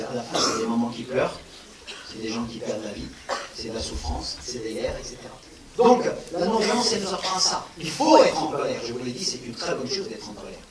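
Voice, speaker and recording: Animated man addressing a hall. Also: mid-range voice, recorded from a distance. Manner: animated, rhetorical questions to the audience, emphatic repetition. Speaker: speaker answering audience questions. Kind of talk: public talk on non-violence to an audience. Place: large hall with an audience. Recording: echoey hall, speaker away from the mic.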